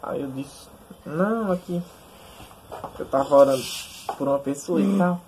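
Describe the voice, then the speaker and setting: A man's voice: on the high side, moderate pace, a little mellow, slight background noise. A young man telling his side of a personal story casually, searching for words and often adding tag questions. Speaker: testimony speaker. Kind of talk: casual conversational testimony.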